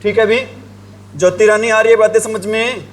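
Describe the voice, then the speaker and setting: A male English teacher with a high voice and fairly even intonation speaks at a normal speed during a grammar lesson. He drills the class, asking the same questions repeatedly, answering them himself, and writing on a board.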